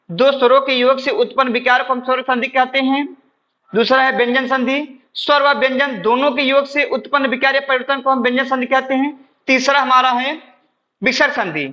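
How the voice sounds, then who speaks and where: A man's voice: very high voice, pushed and bright, muffled recording. A man teaching Hindi grammar for exams. He asks questions and answers them himself, keeps saying "ठीक है", and explains step by step while addressing viewers as friends. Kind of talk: exam-prep classroom lesson.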